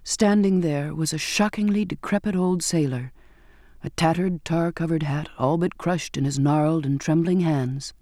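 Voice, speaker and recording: A man reads a first-person novel aloud in a measured, expressive storytelling manner. His voice sits somewhat high for a man, and the recording is dry and close. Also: no room sound. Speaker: audiobook narrator. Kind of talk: scripted first-person narration.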